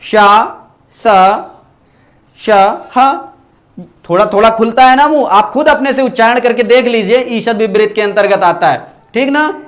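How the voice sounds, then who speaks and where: High-voiced man teaching Sanskrit sounds. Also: brisk. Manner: drills sounds aloud, asks and answers his own questions; reads viewer comments and thanks them. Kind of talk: online exam-prep lesson.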